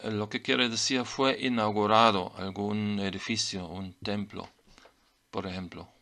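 A man whose first language is German, slowly explaining Maya glyphs in a lesson, pausing to read out each sign. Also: lowish voice, fairly even intonation, sharp tone. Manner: slow, deliberate reading of glyph names. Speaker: teacher of Maya writing.

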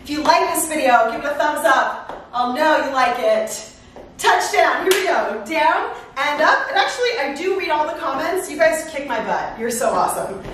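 A middle-aged woman coaching a workout as an energetic, encouraging aerobics instructor, exerting herself as she calls out cues and countdowns. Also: high-pitched, normal speed. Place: living room at home, indoors. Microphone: far camera. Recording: echoey room, far microphone, faint noise.

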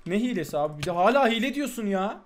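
A young man hosting a gaming video, chatting excitedly and playfully with a friend while he plays. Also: high voice, fast, a crowd in the background. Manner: loud, playful, exclamatory, protesting innocence. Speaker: gaming channel host. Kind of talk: excited gameplay chat with a friend.

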